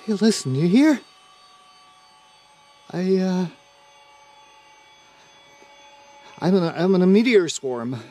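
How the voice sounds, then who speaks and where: An actor playing a bitter, self-loathing spaceman facing death in a radio drama, halting and theatrical. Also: high-pitched, animated, warm tone. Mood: urgent alarm.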